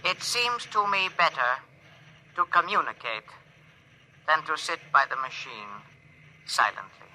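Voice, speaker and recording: A man playing a polite, stilted alien ship officer in a 1950s radio drama, speaking in stiff, halting phrases. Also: fairly high pitch, big pitch swings, bright, forceful tone, a little hiss or hum, full character voice, poor audio. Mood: somber.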